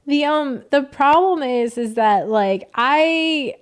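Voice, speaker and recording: A woman's voice: high voice, lively intonation, slow pace. Emotional chatty young woman streamer. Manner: emotional, rambling, reads out chat. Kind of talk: casual livestream chat.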